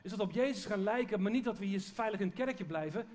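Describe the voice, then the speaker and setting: Preacher, male, higher-pitched, earnest conversational sermon with restarts. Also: fast talker, darkish tone. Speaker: pastor.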